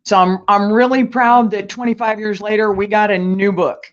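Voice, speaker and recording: A woman, a guest author and martial arts teacher, chatting in an interview in a slow, measured way and laughing easily. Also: mid-range voice, steady tone. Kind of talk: casual interview chat. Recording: dull lo-fi sound.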